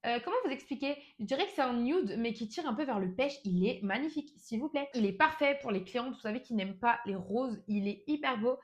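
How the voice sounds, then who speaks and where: A woman's voice: a little high, fairly quick, few pauses. A young French woman chatting casually through an unboxing, enthusiastic and full of fillers, as a nail product vlogger.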